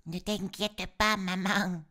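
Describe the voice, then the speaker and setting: A man's voice: sits high, level tone, slow, sharp tone, pitched above the performer's own voice, full character voice. A man voicing a group of defiant young goat kids who mock and scold in slangy back-talk. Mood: reassuring.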